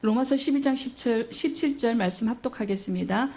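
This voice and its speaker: A middle-aged woman preaching a sermon in a fairly high voice. She is emphatic and keeps putting questions to her listeners. She also acts out the voices she quotes. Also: fairly quick. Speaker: pastor.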